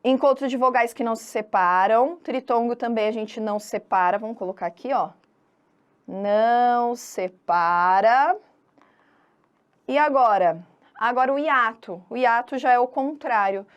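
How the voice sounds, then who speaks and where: A woman's voice: a little high, brisk, hardly any pauses, smooth, muffled recording. A woman from Brazil giving an online exam-prep grammar lesson in a chatty, teasing way, drawing out syllables to stress a point. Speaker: Portuguese teacher.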